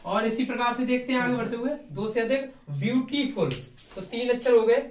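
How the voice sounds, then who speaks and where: A man's voice: extremely high pitch, fairly quick. A male teacher giving a grammar lesson in Hindi, often asking a question and then answering it himself. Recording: echoey classroom from far off.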